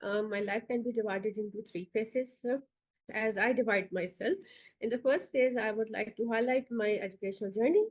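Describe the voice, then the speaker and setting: Over a video call, an institute founder, a woman in her forties with a Pakistani accent, delivers an orientation talk, hesitating often and filling gaps with lots of fillers while calling for slide changes. Her pitch is fairly high, her pace a little quick, and the recording is rough.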